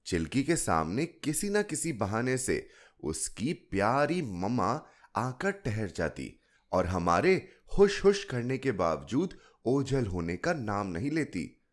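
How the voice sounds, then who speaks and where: A man narrating a short story in an expressive, unhurried storytelling manner. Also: lowish voice. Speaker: podcast narrator.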